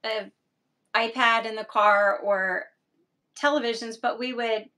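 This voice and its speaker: A woman guest chats easily on a knitting podcast. She is friendly and relaxed and laughs often. Her voice sits a little high. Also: unhurried. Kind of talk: casual chat.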